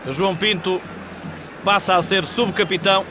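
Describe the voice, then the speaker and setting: A man with a European Portuguese accent giving live football match commentary in measured, descriptive phrases. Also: sits high, steady tone. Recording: 1980s TV broadcast, loud stadium crowd noise. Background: football stadium crowd.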